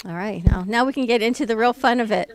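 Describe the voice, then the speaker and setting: A woman hosting a radio interview, asking questions in a friendly, brisk way. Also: on the high side. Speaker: radio host.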